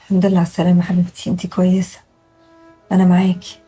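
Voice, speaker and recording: An actress playing a doctor in an Egyptian comedy film, speaking soothing Egyptian Arabic. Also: female voice, fairly low pitch, very fast, breathy edge, faint music behind. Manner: soothing, calming.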